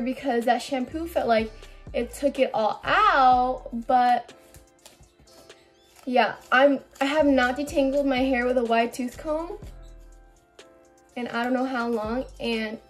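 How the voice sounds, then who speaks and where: Chatty high-voiced young woman vlogging. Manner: chatty and rambling, anxious, restarts mid-sentence. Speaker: beauty vlogger. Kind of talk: casual vlog chat.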